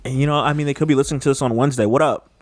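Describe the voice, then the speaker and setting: A young man co-hosting a podcast, chatting in an easy, teasing way. His voice sits at an ordinary middle pitch. The sound is close and dry, with no room around it. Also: steady tone, rapid-fire, no echo. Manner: teasing and jokey. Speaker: podcast co-host. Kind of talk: casual podcast chat.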